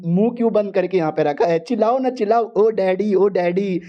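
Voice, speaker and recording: A cheeky young hero coaxes and teases with a cocky grin in his tone, as a man voices him. The voice sits in a mellow, dark color in a recap story, heard through dull lo-fi sound. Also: high voice, brisk, close to an everyday voice. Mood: teasing. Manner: teasing, coaxing, cocky. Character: cheeky shameless young male cultivator hero.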